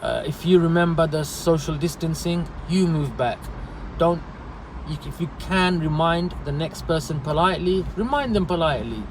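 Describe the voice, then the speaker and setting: A man, a delivery driver, giving earnest, repetitive advice and animated stories in a casual livestream. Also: a little high, moderate pace, background noise.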